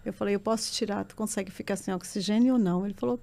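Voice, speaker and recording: A woman's voice: mid-range voice, steady tone, rapid-fire, creaky, warm tone. Emotional woman giving testimony. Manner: earnest, emotional storytelling that swells into tearful intensity.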